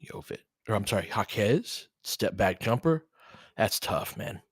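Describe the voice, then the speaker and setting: An American man hosts a fan stream, calling live basketball play-by-play in a casual, analytical way, often in clipped phrases. His voice is fairly low, with lively intonation, an unhurried pace and a breathy edge. The recording is dry and studio quality.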